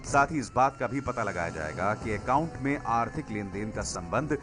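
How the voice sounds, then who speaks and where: A man's voice: mid-range voice, animated. Man reading a news voice-over. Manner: measured, formal delivery. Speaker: news reporter. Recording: voice-over over loud music. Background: news music bed.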